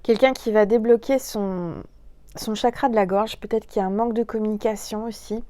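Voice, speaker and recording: A woman gives a relaxed spiritual card reading into her phone. She speaks to the viewer as "you" and fills her pauses with "euh" and "alors". The sound is dry and close, with almost no room around her voice. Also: medium pitch, no room sound. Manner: chatty, hesitant, many fillers, addresses viewer directly. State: coughing, throat irritated. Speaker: tarot and oracle card reader.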